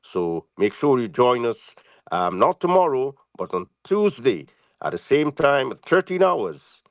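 A man's voice: medium pitch, sing-song, unhurried, no echo. A man from Guyana giving a radio cricket report in a conversational, chatty way. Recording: dull lo-fi radio audio.

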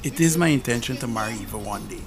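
An actor playing a devoted, respectful young boyfriend in a domestic drama. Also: male voice, medium pitch, expressive, fast, music in the background, lightly acted. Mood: earnest, polite. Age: young adult.

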